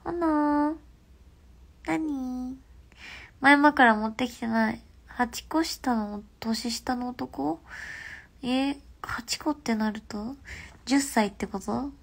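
A young woman chats on a phone livestream in a raised, gravelly voice with plenty of fry. Her nose is stuffed up, so her speech sounds nasal. She talks in a relaxed, rambling way and keeps slipping into soft half-whispers. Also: on the high side, slow pace. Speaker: livestream host. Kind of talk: casual livestream chat.

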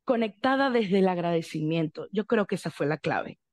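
A young Venezuelan woman, a guest in an interview, telling her story in lively detail, acting out quotes and breaking into song. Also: on the low side, normal speed. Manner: animated storyteller, acts out quotes, bursts into song.

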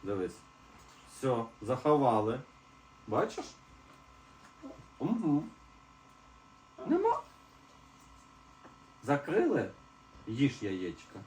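A man's voice: mid-range voice, huge pitch swings, drawn-out words, pauses often, a little mellow. A man at home, chatting casually and patiently guiding a small child through a task. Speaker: parent at home. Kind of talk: casual family chat with a toddler. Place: home kitchen. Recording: echoey room, distant mic, faint noise.

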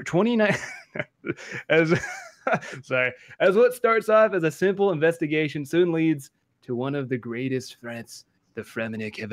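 A man co-hosting a casual gaming podcast on a call, joking and swearing, reading lore aloud with mock drama. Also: medium pitch. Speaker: podcast co-host.

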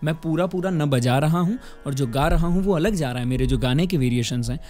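A male music teacher with a fairly high speaking voice explains things patiently, stopping often to check that his students follow. He speaks close to a microphone, and soft harmonium playing runs under his words. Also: a little fast. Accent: Hindustani. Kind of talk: spoken music lesson with sung demonstrations. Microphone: close studio microphone.

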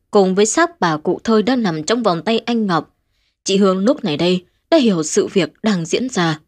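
A woman tells a ghost story in a steady, measured voice. Her pitch sits in the middle of the female range, and her delivery stays even and deliberate from line to line. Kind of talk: scripted ghost story narration.

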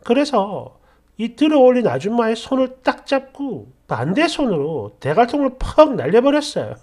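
A woman's voice: a little high, very animated, moderate pace, darkish tone. A woman narrating a first-person workplace story in a chatty, indignant, confiding way.

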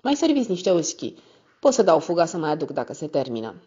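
A woman reading the part of a calm, wry male private detective who speaks in a level, polite, coaxing way. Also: low voice, husky, full character voice. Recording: slightly muffled recording.

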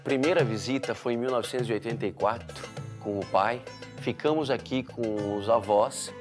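A man's voice: lowish voice, normal speed, loud music behind the voice. A Brazilian man in his fifties speaking earnestly about family and homeland in a documentary interview at home. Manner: earnest and heartfelt. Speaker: entrepreneur and law student. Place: living room at home, indoors.

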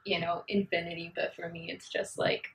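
A woman's voice: fairly low pitch, little pitch movement, moderate pace, poor audio. Young woman, rambling with many fillers. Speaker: interviewee, host's fiancée. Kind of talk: casual conversation.

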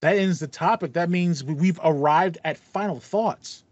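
Speaking at normal speed in a slightly high voice, this podcast host is a man in his thirties chatting casually, musing aloud and repeating phrases. There's no room sound, though the recording from his small foam-paneled home room indoors sounds dull and lo-fi, like a voice call.

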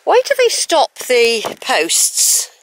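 A slightly high-voiced woman talks extremely slowly with huge pitch swings, recorded on a handheld camera with no room sound but low quality. She's a hiking vlogger chatting to the camera as she walks a hillside countryside trail outdoors, musing aloud, questioning which way to go, and sighing between remarks.

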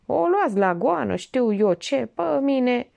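A woman's voice: a little high, very animated, vocal fry, darkish tone, pitched above the performer's own voice, full character voice. A woman voicing a frightened, paralyzed male beggar with a trembling voice, in an audiobook. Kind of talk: audiobook character reading.

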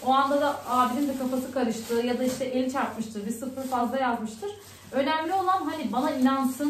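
Woman vlogger, high voice, chatty and upset, echoey home room. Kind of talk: casual vlog chat.

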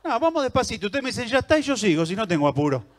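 An Argentine man works a live theater crowd in a stand-up set, teasing people in the seats and chatting with them. His voice sits high for a man and swings widely up and down as he talks. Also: sing-song, rapid-fire. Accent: Argentine Rioplatense Spanish. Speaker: stand-up comedian. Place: theater stage before a live audience.

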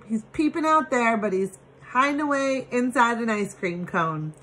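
A woman's voice: mid-range voice, fairly bright tone, breathy edge. A woman in her thirties giving a casual, upbeat craft demonstration for children, recorded on a phone in a small room. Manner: upbeat, addressing children as friends, with playful reveals. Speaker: children's library craft presenter. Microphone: phone at arm's length.

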